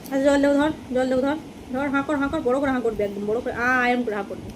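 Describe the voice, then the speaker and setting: A woman's voice: sits high, steady tone, quick pace. A young mother, coaxing her baby son to eat in sing-song baby talk at home. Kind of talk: casual home vlog, talking to a baby. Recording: noisy home ambience.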